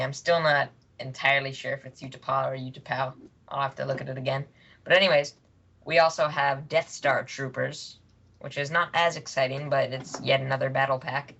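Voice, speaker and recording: A man's voice: medium pitch, gravelly, pushed and bright. A man co-hosting a podcast, casually sharing news about upcoming toy sets in an easygoing, good-humored way. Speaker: podcast co-host. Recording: dull lo-fi podcast recording.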